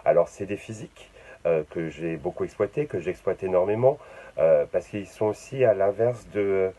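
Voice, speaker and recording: A middle-aged man speaks in a very low, dark and mellow voice, searching for his words with many fillers and restarts. He talks unscripted about his craft, recorded in his art studio. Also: normal speed. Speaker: visual artist.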